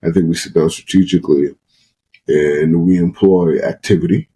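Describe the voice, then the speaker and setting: A man's voice: deep voice, steady tone, moderate pace, dark tone, a little hiss or hum, poor audio. A man talking earnestly as a guest on a podcast conversation, sometimes acting out quoted voices. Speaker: guest psychologist.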